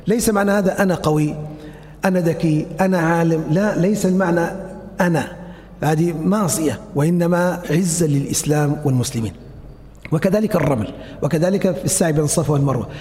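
A man's voice: a little high, fast talker, dark tone. A man giving a religious lecture, demonstrating steps and asking and answering his own questions. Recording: long hall reverb.

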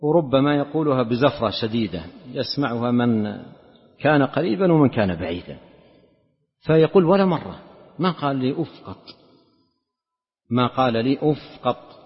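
A man's voice: medium pitch, expressive. Man teaching in a reverberant hall. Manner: measured, repeats and restarts words while explaining. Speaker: Islamic scholar teaching a lesson. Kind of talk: religious lesson explaining hadith. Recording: dull lo-fi lecture recording with long hall reverb.

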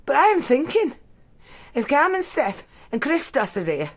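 A middle-aged woman performing a brash comic monologue, swinging from loud to quiet. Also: sits high, big pitch swings, moderate pace. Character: brash middle-aged female ex-reality star. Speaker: solo stage performer.

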